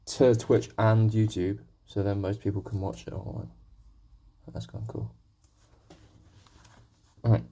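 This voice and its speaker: A young man with a sore throat rambles to his stream audience as he paints, his mid-range voice mellow yet gravelly and husky. The live-stream chat is casual and full of self-deprecating humor.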